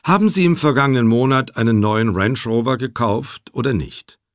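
A man voicing a sharp male lawyer pressing a witness in cross-examination, insistent and loud. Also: medium pitch, normal speed, clear, resonant tone, no room sound, studio quality, close to an everyday voice.

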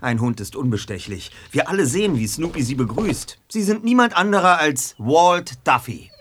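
A man's voice: on the high side, sing-song, fairly bright tone, a little hiss or hum. A man acting a formal, self-assured investigator in an audio drama. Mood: confident, probing. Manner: formal, deliberate.

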